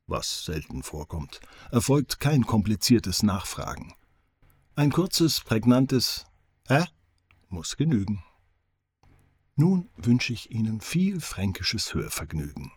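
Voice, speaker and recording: A man's voice: fairly low pitch, a little mellow, husky. A man, an author reading his own foreword as audiobook narration, with dry, wry humor.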